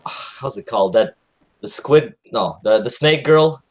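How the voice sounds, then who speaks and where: A man's voice: medium pitch, animated, a little slow. A young man joining a casual group podcast, loose and joking. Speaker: podcast guest.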